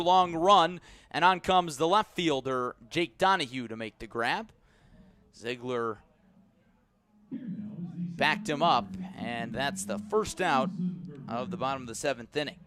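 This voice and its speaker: This is an American man calling baseball live for radio, his voice a touch bright. Between pitches he's measured, but he rises when something big happens on the field.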